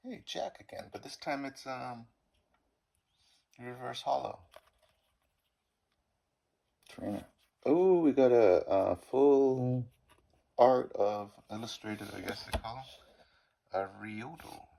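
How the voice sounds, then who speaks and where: Speaking slowly in a gravelly, dark, expressive medium-pitched voice, a middle-aged Bostonian opens card packs and rambles with long pauses. He trips over card names and pokes fun at himself in this casual commentary.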